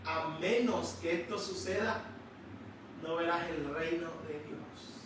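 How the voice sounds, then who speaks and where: A man preaching a sermon in a church, slowly and emphatically, stretching out key words. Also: on the high side, noisy background. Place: church sanctuary. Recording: echoey church hall, distant mic.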